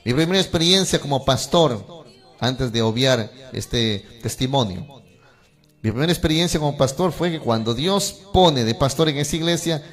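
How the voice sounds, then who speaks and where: A man's voice: mid-range voice, animated, moderate pace, fairly bright tone. A man, a pastor, telling his own story in a sermon and speaking earnestly to fellow pastors. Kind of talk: sermon testimony.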